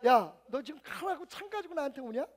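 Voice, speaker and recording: A man's voice: extremely high pitch, big pitch swings, fast talker. A male preacher playing the boy David as a cocky, swaggering braggart.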